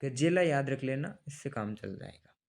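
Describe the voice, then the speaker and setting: A man with a mid-range, animated voice speaks at a moderate pace while running an online exam-prep lesson. He keeps it chatty, calling his students brother, throwing rhetorical questions at them, and repeating key dates and names so they stick.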